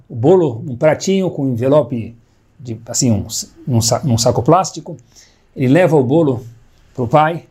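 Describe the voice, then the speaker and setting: Warm, husky storytelling teacher. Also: male voice. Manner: dramatic storytelling with big pitch swings. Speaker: religious teacher. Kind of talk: storytelling sermon.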